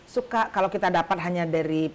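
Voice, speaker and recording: Middle-aged woman, interview host, measured and questioning, lowish voice. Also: a little hiss or hum. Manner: measured, questioning, frequent backchannel agreement. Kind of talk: casual interview.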